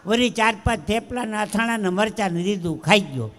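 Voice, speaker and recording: A man's voice: sits high, expressive, brisk, fairly bright tone, big-room sound. A man in his sixties with a Kathiawadi accent, telling jokes and stories on stage at a live fair show. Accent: Kathiawadi Gujarati. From Dwarka, Saurashtra, India. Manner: storytelling with punchlines, acts out voices. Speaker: stage comedian. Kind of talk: live stand-up joke telling. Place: outdoor fair stage before a crowd.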